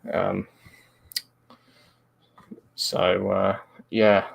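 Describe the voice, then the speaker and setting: A man hosting a casual livestream Bible study, reading scripture aloud and talking it over with halting, stumbling speech and many fillers. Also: deep voice, flat delivery, vocal fry, husky, dull audio.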